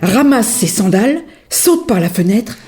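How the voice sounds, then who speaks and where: Expressive, sing-song woman reading a storybook. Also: mid-range voice, measured pace, faint music behind. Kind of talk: storybook read-aloud.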